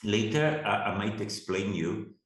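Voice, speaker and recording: A middle-aged man speaking English as a second language in a conversational interview, halting and repeating words as if translating in his head. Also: lowish voice, expressive. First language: not English. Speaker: interviewer and CBT therapist. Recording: echoey room sound.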